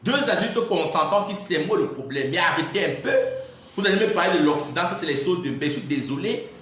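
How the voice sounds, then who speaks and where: High-voiced man, very echoey. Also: lively intonation, fairly quick, fairly bright tone. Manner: defiant, repeatedly saying "I'm sorry" and "in fact". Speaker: livestreamer. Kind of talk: impassioned live-stream monologue. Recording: very echoey room, faint background noise.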